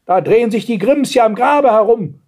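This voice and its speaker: A man voicing a loud, indignant old grandmother in a storybook reading, scolding everyone. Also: sits high, animated, normal speed, breathy edge, voice pushed up. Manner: scolding, shouting.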